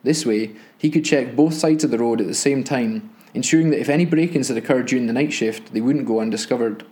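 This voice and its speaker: A man, a podcast host, reading a crime novel aloud in steady, measured audiobook-style narration. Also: medium pitch.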